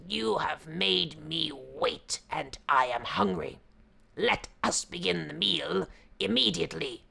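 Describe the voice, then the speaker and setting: Woman doing a shouting hungry tiger, loud and gruff, no patience at all. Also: deep voice, slow, exaggerated voice. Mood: impatient. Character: impatient hungry roaring male tiger.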